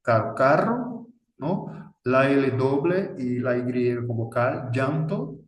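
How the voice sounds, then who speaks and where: A Brazilian man with a Portuguese accent, teaching a language lesson in a deliberate way and often adding a questioning tag. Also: mid-range voice, echoey room, poor audio. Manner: deliberate, frequent tag "¿no?", slow spelled-out examples. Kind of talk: instructional explanation.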